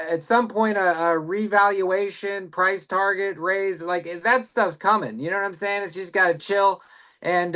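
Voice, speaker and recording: A man with a notably high voice co-hosts a casual live chat. He jokes with the others and then reads viewer comments aloud at length, stumbling through them with frequent "uh"s. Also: sharp tone. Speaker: co-host reading viewer comments.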